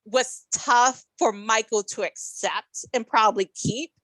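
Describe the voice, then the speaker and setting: A woman co-hosting a podcast, reviewing an episode in casual chat, thoughtful and halting with many ums and restarts. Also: on the high side, fairly bright tone, dry recording. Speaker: podcast co-host.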